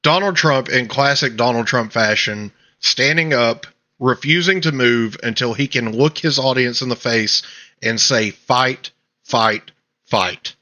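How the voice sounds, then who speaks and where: A male podcast host delivering casual political commentary in a bright, forceful voice. He rants emphatically, piling up clauses and restarting mid-thought. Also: medium pitch, normal speed. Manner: emphatic, ranting, trailing restarts.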